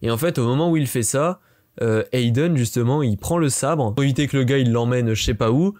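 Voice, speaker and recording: A young French vlogger with a medium-pitched, darkish voice tells a story about meeting fans. He chats casually and rapidly, packing in lots of fillers.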